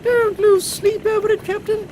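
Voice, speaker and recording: A man's voice: very high-pitched, little pitch movement, normal speed. A man voicing a haughty, theatrical queen who declaims grandly in a steampunk audio comedy. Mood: assured, lofty. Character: imperious, theatrical, excitable Queen Victoria, commanding secret agents. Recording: loud airship engine noise behind.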